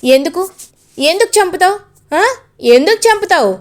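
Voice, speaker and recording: A woman's voice: extremely high pitch, expressive, normal speed, pitched above the performer's own voice. A woman voicing a defiant young man who taunts and insists he is right.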